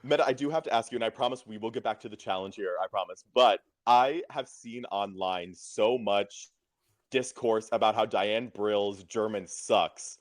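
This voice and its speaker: A man's voice: lowish voice, moderate pace, dry recording. A man co-hosting a casual podcast recap, steering the talk and asking the guest questions. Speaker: podcast co-host.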